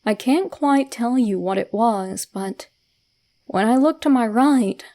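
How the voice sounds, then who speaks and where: A woman reads a scripted first-person horror story in a soft, hushed, measured storytelling manner with suspenseful pauses. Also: fairly high pitch.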